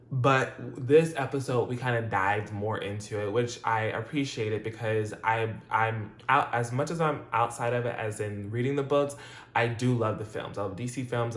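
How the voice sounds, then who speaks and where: Chatty man in an echoey room. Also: fairly low pitch. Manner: chatty and loose, with frequent fillers, restarts and laughs. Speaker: channel host reviewing a TV episode. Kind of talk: casual rambling video review. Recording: roomy echo.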